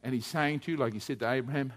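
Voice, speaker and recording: A man preaching a sermon, urgently pleading with the congregation, rising to loud appeals and dropping to hushed warnings. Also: mid-range voice, fairly even intonation, racing.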